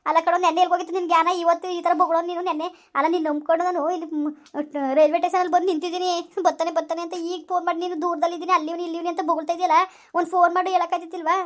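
A woman's voice: very high voice, flat delivery, racing. A woman playing a young village woman dumped by her boyfriend, talking in a village comedy skit. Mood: angry scolding. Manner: scolding, then begging.

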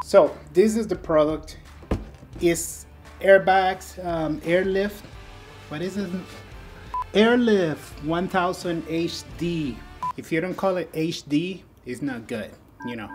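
A talkative man with a slightly raised voice, reviewing a product for his travel vlog. He speaks loosely and jokes along the way, with soft music faint in the background. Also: on the high side. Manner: chatty, joking, informal with fillers. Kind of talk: casual product review talk.

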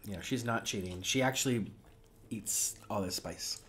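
A man's voice: lowish voice, unhurried, a bit bright, a little hiss or hum. A man, a mukbang YouTuber, chatting casually while eating, laughing often and trailing off with fillers.

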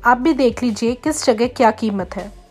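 A woman reading a scripted news voice-over in Hindi, measured and critical. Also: a little high, faint music behind. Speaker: news narrator.

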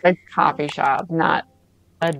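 A woman's voice: low voice, steady tone, slow pace, a bit bright, rough recording. A middle-aged woman playing a video game for the first time, chatting playfully and talking to the game's characters. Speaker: gamer's mother playing a game. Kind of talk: casual play-along chat.

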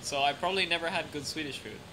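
Chatting casually as a guest in an interview, this young man has a mixed international accent with a light British touch. His voice sits on the high side and he talks quickly, with a noisy nighttime café or restaurant clearly heard around him.

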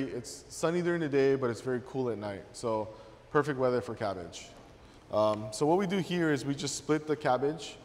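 A guest chef from Hawaii, a man in his thirties, demonstrates a dish to a class in a large teaching kitchen. He talks casually, full of fillers and restarts, in a mid-range voice that carries through the big hall.

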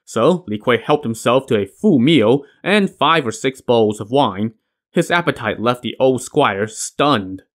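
A man's voice: mid-range voice, animated, a little slow. A man narrating a classic tale as a podcast host, in a wry tone with dry asides. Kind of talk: storytelling narration.

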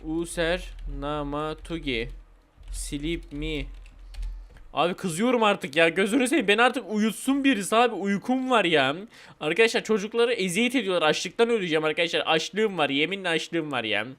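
A man's voice: sits high, expressive, fast, a bit bright. A man hosting a gaming channel, chatting playfully and whining comically through casual game commentary. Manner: playful, whiny, says "abi" and "vallahi" often.

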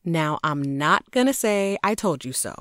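A woman's voice: low-pitched, big pitch swings, measured pace, a bit bright, full character voice. A woman voicing a frank young roommate who gives blunt advice in an amateur voice-over drama. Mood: firm.

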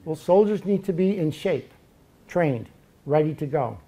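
A man's voice: fairly high pitch, lively intonation, unhurried, mellow. A man preaching a sermon, emphatic and full of rhetorical questions.

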